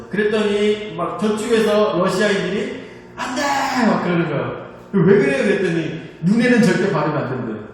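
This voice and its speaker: A man preaching a sermon, telling a personal story in an animated way and laughing at himself. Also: high voice. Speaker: pastor. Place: church hall. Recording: echoey hall, distant mic, faint hum.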